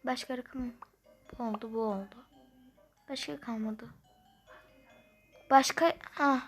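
A woman's voice: on the high side, steady tone, slow, soft background music. A young woman playing a mobile number game, commenting casually and grumbling in frustration as she counts numbers aloud.

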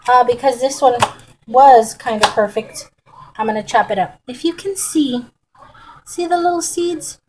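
A middle-aged woman with a drawl, talking her viewers through a home recipe in a relaxed, folksy way and calling them y'all. Her voice sits fairly high for a woman. A camera on the kitchen counter picks her up close, with a faint hiss of noise underneath. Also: a little slow. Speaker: home cooking vlogger. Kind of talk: casual cooking demonstration.

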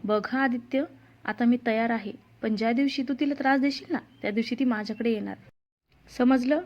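A woman's voice: a little high, a little fast, a little mellow, lightly acted. A woman voicing a loving, teasing middle-aged mother in a storybook reading. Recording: dull lo-fi sound.

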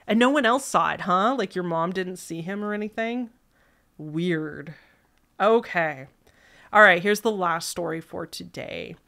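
A woman's voice: on the low side, a little slow, creaky, pushed and bright. A young woman hosting, reading viewer scary stories aloud and chatting casually between them.

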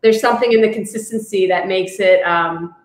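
A woman in her thirties chatting in a relaxed, agreeable way on a video call from her home kitchen. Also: medium pitch, brisk. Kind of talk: casual video call discussion. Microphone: laptop webcam on a video call. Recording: echoey kitchen on a webcam.

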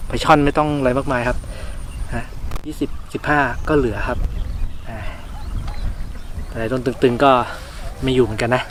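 Casual male fishing vlogger, relaxed gear talk, outdoor pond with faint background noise. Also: medium pitch, normal speed, pauses often.

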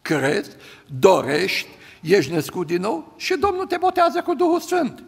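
An older man, a pastor from the of Romania, preaching and telling stories, his voice swinging from loud to hushed. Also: high-pitched, wildly swooping pitch, gravelly, breathy edge. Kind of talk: sermon. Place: large church hall. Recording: church hall reverb.

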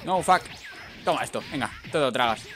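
A man with a Spain Spanish accent giving excitable, teasing commentary over his own online fighting-game matches. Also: medium pitch, a little fast, faint music behind. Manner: excitable, teasing, frequent "tío". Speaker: gaming YouTuber. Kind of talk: live gameplay commentary.

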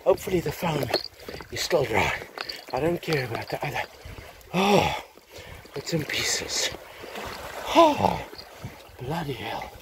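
A man chats to his viewers in a slightly high voice, rambling and self-mocking as he thinks aloud. He talks unhurriedly while wading through seawater among rocks. Loud splashing and water noise fill the outdoor recording. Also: very animated, slow pace, long pauses. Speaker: metal-detecting vlogger. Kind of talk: rambling stream-of-consciousness commentary.

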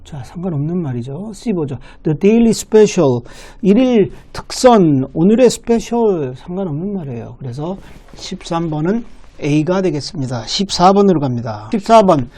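High-voiced man teaching a listening lesson. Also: very animated, darkish tone. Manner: explains step by step, reads English lines slowly. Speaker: English academy director and teacher.

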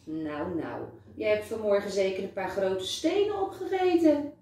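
A woman's voice: mid-range voice, sing-song, measured pace, mellow. A woman voicing a friendly male doctor who jokes playfully with a small child in a storybook reading. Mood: kind, teasing. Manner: playful, teasing. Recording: very echoey room, voice far from mic.

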